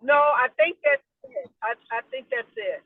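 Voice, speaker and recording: A woman's voice: high-pitched, huge pitch swings, normal speed, no room sound. A woman calling into a meeting from her car, her phone connection breaking up as she talks hesitantly with many fillers and restarts. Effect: choppy cell phone connection breaking up. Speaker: meeting participant on a call. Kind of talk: casual group meeting discussion. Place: in a car while driving. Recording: tinny breaking-up phone line.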